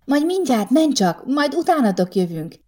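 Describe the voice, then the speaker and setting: A woman's voice: medium pitch, lively intonation, dark tone, pitched above the performer's own voice, natural voice. A woman voicing a nervous, starstruck seventeen-year-old girl who stammers shyly in an audiobook story. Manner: stammering, breathless and shy.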